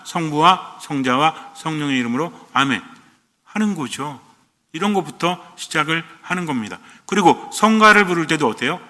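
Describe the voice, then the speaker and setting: Priest guy preaching, keeps asking the crowd stuff then answering it, bright voice, kinda high, big church echo. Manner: asks the congregation questions and answers them himself. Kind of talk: sermon. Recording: long church reverb.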